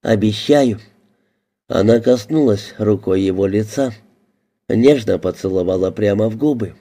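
A man narrating an audiobook in a measured, even reading. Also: on the low side.

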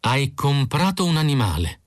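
A man voicing an excited, affectionate young wife in an audiobook reading. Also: mid-range voice, normal speed, dry recording, studio quality, pitched above the performer's own voice, lightly acted. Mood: curious.

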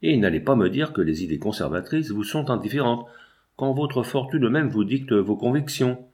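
A man voicing an aging, scheming provincial deputy who pleads and insists in a low, wheedling way. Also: animated, normal speed, darkish tone, lightly acted. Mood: pleading.

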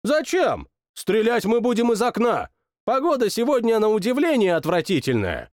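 A bratty young monarch with a shrill, whiny voice that leaps all over the place, performed by a man. He sulks, bosses and shouts at everyone around him. The audiobook sound is close and dry. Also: wildly swooping pitch, normal speed, no room sound. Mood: capricious. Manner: shouts orders and sulks capriciously. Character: petulant, boastful young male king, childish tyrant. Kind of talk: audiobook character voice.

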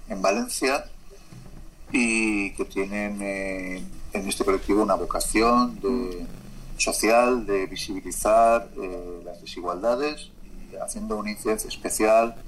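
A man from Spain, a guest in an interview, talking in a measured way with many pauses. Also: lowish voice, slight background noise, low-quality recording. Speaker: guest, poetry collective member.

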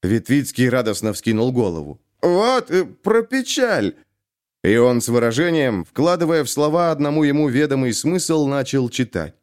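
A man narrating an audiobook with expressive storytelling. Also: mid-range voice, normal speed, hardly any pauses.

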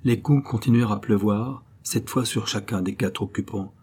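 A male audiobook narrator reads in a measured, grave storytelling manner. His voice is low, dark and mellow with a husky edge. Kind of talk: scripted narration.

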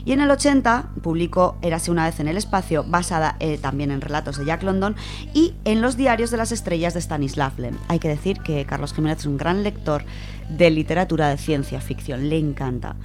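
Here a woman from Spain talks quickly, her low, darkish voice carrying lively intonation, as she delivers an informal radio biography from notes. She tosses colloquial, familiar remarks to her audience over background music.

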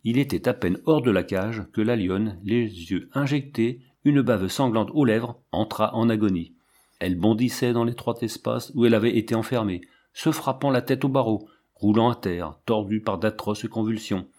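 Male audiobook narrator, lowish voice, measured and dramatic. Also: a little mellow.

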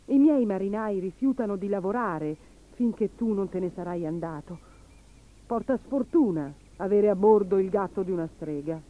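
A woman voicing a kindly male ship captain who gently says a hard thing. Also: mid-range voice, normal speed, lightly acted. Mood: gentle. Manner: gentle, sorry. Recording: tinny phone-like sound, faint hiss.

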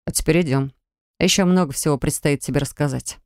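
Woman voicing a soft-spoken young man, calm. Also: deep voice, fairly quick, no echo, studio quality, pitched below the performer's own voice. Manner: quiet, soothing, restrained. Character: gentle young male third-year student.

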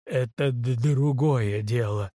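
A man voicing a broken young man who stammers and speaks slowly in an audiobook. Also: mellow, dry recording, studio quality. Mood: stammering. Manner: stammering, slow and low.

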